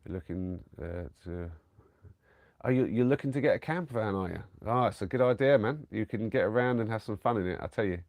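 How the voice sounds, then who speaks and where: There's no room sound and the audio is studio-clean as this low-voiced man talks a little quickly to viewers from his camper van. A cold has left him somewhat congested. He rambles casually and warmly, with plenty of fillers and restarts.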